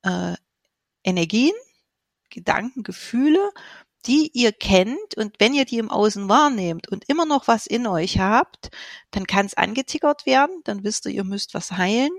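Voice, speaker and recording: A woman's voice: medium pitch, lively intonation, moderate pace, no echo, studio quality. A middle-aged woman giving a casual spiritual talk as an energy coach, loose and searching, with many fillers and restarts.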